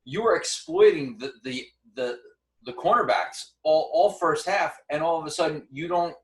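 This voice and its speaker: A man co-hosting a casual sports debate, animated and often restarting his sentences as he argues. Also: fairly high pitch, normal speed, distant mic. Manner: animated, stumbles and restarts when arguing. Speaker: co-host. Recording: echoey room, away from the mic.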